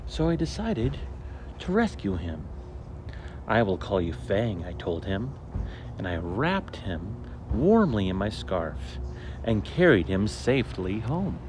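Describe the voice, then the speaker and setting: In a lowish voice, a man tells a picture-book story to children, theatrical and animated, with deliberately shaped phrasing as a storyteller would. A steady hum of background noise is present.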